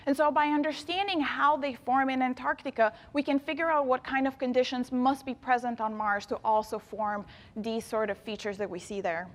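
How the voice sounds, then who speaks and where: With a high voice and big-room acoustics, a Bulgarian woman in her thirties speaks to young students in an event hall. She is an engineer and planetary scientist giving an enthusiastic, inspirational talk that speaks directly to the audience.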